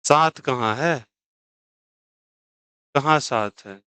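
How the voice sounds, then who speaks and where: A man teaching chemistry in a lively, teasing classroom lecture, joking and pushing students to answer. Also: medium pitch, drawn-out words, clean tone, no echo, low-quality recording.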